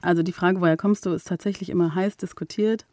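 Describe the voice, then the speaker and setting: A German woman, a diversity trainer, answering interview questions in a measured, thoughtful way with frequent pauses and fillers. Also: lowish voice, fairly even intonation, darkish tone, dry recording. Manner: measured, many fillers while thinking. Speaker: diversity and anti-discrimination trainer, guest.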